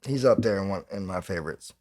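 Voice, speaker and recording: Chill podcast host guy, real low voice, says you know a lot. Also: animated, fast talker, a little mellow. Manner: laid-back, many fillers like "you know". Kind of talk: casual chat.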